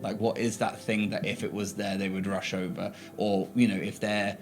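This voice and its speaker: A man's voice: fairly low pitch, level tone, normal speed, music in the background. A man in a tabletop podcast chat, talking earnestly and thinking aloud with restarts. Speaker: player in a tabletop game podcast.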